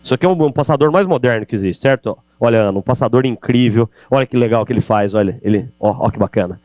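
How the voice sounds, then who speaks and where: A middle-aged man with a Brazilian Portuguese accent lectures on sales, lively and direct, often checking in with his listeners. His voice sits at an ordinary pitch for a man, and the recording is dry, with a faint mains hum underneath. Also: fast talker, no echo. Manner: animated, addresses audience directly with rhetorical questions. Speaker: keynote speaker on sales. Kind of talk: energetic business lecture. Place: event hall.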